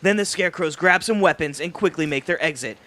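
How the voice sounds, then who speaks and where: A man narrating stage directions in a live script read-through, reading briskly with small slips. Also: on the high side, pushed and bright.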